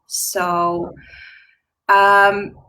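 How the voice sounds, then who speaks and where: A woman's voice: medium pitch, little pitch movement, extremely slow, sharp tone, rough recording. Give me a laughing woman on a video call. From Slovakia. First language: Slovak. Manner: chatty, laughs often, loose grammar. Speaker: guest, retired dog groomer. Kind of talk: casual interview chat.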